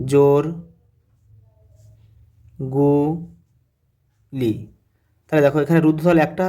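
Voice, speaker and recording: A man teacher, his voice a touch high, steps through exam questions. He keeps telling students to look at the next one and sounds out words slowly, syllable by syllable. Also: a little mellow. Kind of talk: exam answer walkthrough.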